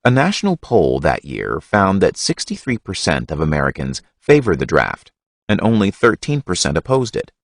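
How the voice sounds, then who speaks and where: A man reading a history audiobook in a measured, expressive narration. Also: low-pitched, no echo, clean studio sound.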